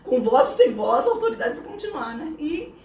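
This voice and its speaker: A middle-aged woman pastor with a Brazilian Portuguese accent and a voice left rough by vocal cord damage. She tells her testimony as a guest, in a lively, laughing way with many tag questions. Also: high voice, a little fast, far from the mic. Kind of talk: casual testimony in conversation. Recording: roomy sound, speaker away from the mic, faint noise.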